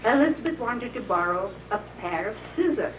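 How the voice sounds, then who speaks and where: An older woman telling a chuckling, unhurried anecdote to a small gathering, preserved on an old VHS tape. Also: on the high side, lively intonation. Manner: chuckling, unhurried storytelling with frequent laughs. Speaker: storyteller at a gathering. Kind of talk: reminiscing anecdote told to a small audience. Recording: muffled, hissy old tape, echoey room from far off.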